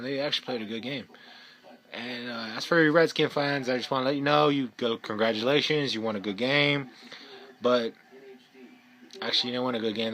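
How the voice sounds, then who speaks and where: A young man ranting casually about his team's loss, profane, swinging between loud outbursts and low muttering. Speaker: fan vlogger. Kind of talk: casual sports rant.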